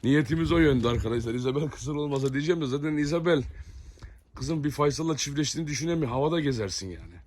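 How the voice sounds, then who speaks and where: A man's voice: fairly high pitch, lively intonation, fast, darkish tone. A man casually chatting to viewers while walking around his outdoor dog yard and kennels. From Turkey. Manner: chatty, addresses viewers often. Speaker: dog breeder vlogger. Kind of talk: casual chat to camera.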